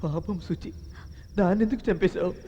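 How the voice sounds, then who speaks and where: An actor voicing a brash young lover in a dubbed film, emotional and pleading. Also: male voice, sits high, normal speed, mellow, dull audio, a little hiss or hum, lightly acted. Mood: tender. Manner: pleading and emotional, then cocky. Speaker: film hero. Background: film music.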